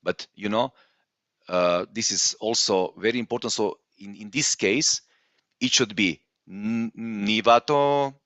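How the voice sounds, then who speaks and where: A man's voice: on the low side, measured pace, a bit bright, no room sound, highs cut off. Hesitant man teaching Vedic chanting. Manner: hesitant, many fillers, explains patiently. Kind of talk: online lesson on Vedic chanting.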